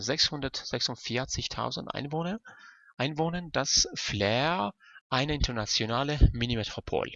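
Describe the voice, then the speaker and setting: A man whose first language is Persian, teaching a German lesson step by step and reading German sentences slowly. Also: fairly high pitch, creaky, bright, forceful tone, no room sound, muffled recording. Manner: explains step by step, counting parts aloud; reads German slowly and deliberately.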